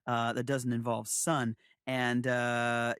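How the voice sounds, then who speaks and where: A man's voice: mid-range voice, monotone, slow pace, a bit bright, clear, resonant tone, dry recording, clean studio sound. A man co-hosting a casual chat show, rambling with frequent restarts and chuckles. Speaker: co-host.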